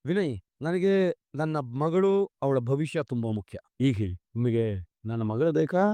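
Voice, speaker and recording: A man's voice: mid-range voice, measured pace, dark tone, no room sound, natural voice. An actor playing a middle-aged father who is earnest and tender with his daughter, in a TV serial. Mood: probing. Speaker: father of the bride. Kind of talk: TV serial acting.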